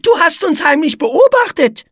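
Storybook: a touchy, show-off spider girl, voiced by a woman, very high and sing-song. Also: sing-song, normal speed, no echo, studio quality. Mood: eager. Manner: prissy and easily offended. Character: prim, conceited young female spider cheerleader.

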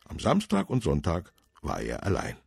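A man's voice: low-pitched, vocal fry, breathy edge, dry recording. A man reading a children's story aloud, acting out the characters. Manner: slow, lively storytelling voice.

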